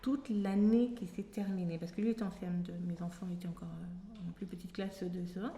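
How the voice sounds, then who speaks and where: Fast-talking animated woman telling stories. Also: fairly low pitch, slight background noise. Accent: French. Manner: animated storytelling, acting out voices, laughs often. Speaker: guest. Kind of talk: casual interview storytelling. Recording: echoey room with faint background ambience.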